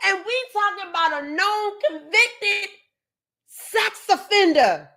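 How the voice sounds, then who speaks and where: Lady ranting to her viewers, super high bright voice, keeps saying stuff twice. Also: slow. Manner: emphatic, keeps repeating herself for stress. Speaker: commentary host.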